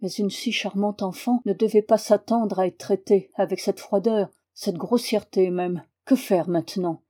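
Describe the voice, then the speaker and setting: A woman reading aloud as an earnest, awkward young man, measured and reserved. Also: medium pitch, fairly even intonation, dark tone, lightly acted.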